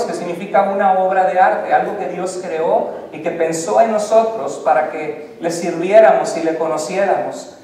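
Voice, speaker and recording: A man, preaching a lively sermon straight to his congregation. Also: high voice, slight background noise. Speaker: pastor. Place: church sanctuary. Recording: echoey church hall from a far-off mic.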